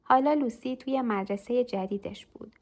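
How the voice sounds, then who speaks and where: A woman narrates a simple children's story in a gentle, even storytelling manner. Her voice sits slightly high, and she reads clearly and calmly.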